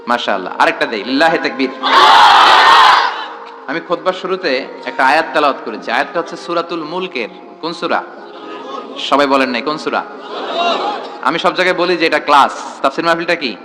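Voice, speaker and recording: A man's voice: a little high, lively intonation, brisk, long pauses, heavy background noise. A man preaching a sermon to a large gathering in a tent, throwing rhetorical questions at the crowd and calling for responses.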